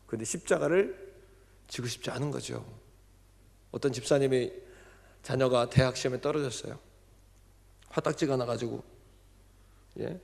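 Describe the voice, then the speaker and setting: A middle-aged male pastor preaching a fervent sermon at a Friday prayer meeting, shouting out to the congregation and acting out the voices he quotes. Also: medium pitch, creaky. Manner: acts out quoted voices for the crowd. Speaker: guest pastor. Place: church sanctuary. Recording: long church hall reverb.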